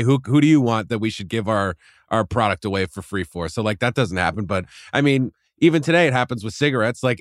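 A man's voice: medium pitch, fairly bright tone, dry recording, studio quality. A man cohosting a podcast, talking in a casual, matter-of-fact way. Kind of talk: casual chat.

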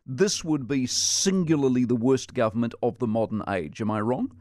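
A man's voice: medium pitch, normal speed, a little mellow, dry recording, studio quality. A middle-aged man with a New Zealand accent hosting a talk radio interview, blunt and opinionated. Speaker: radio host.

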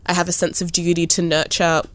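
A woman in her twenties, born in Ethiopia and raised in Kenya and Australia, talks in a casual interview as an artist. Her voice is lowish and the recording dry. She sounds relaxed and thoughtful, often pausing on "like" and "you know," with lively rises in pitch.

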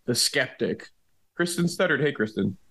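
A man hosting a podcast in casual banter, with a sleepy, just-woken vocal fry in his voice. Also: medium pitch, animated, moderate pace, pushed and bright. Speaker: podcast host.

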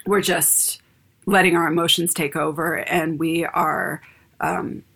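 A woman's voice: fairly low pitch, slow pace, gravelly, husky. A mother speaking frankly in an interview about her family life. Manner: frank, animated, acts out family arguments. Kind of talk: candid personal storytelling.

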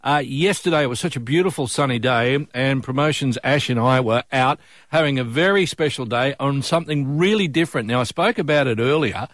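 A man's voice: medium pitch, brisk, a bit bright, no room sound, studio quality. A middle-aged Australian man hosting breakfast radio, with a chummy, colloquial, upbeat presenting style. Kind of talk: upbeat commercial radio presenting with casual banter. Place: radio studio. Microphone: close studio microphone.

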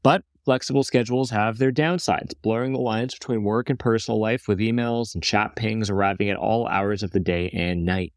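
A man hosting a business news podcast, reading a script briskly and dropping wry joking asides. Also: fairly low pitch, fairly even intonation, no echo, clean studio sound. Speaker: podcast host.

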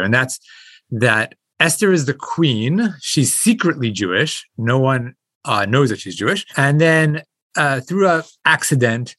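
A man's voice: medium pitch, a bit bright, no echo. A man speaking as a guest professor, giving a conversational scholarly explanation. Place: library, late at night.

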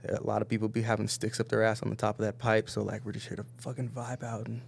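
A man's voice: on the low side, monotone, quick pace, gravelly, husky. A young man chatting casually in hyped frat-bro slang, peppered with dude and swearing. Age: young adult. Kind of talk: casual banter about music.

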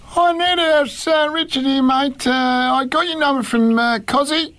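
A man's voice: very high-pitched, measured pace, pushed and bright, heavily acted. A man voicing a friendly country sheep farmer on a prank phone call, with a laconic, hesitant Australian drawl. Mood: matey, hesitant. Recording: phone call played on radio.

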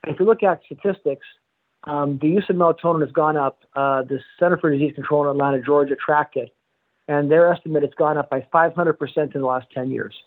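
Brisk male medical expert, slightly high voice, tinny phone-line sound, careful and explanatory. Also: fairly even intonation. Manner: measured, explanatory, self-correcting. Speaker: pediatrics and pharmacology professor. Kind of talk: phone interview.

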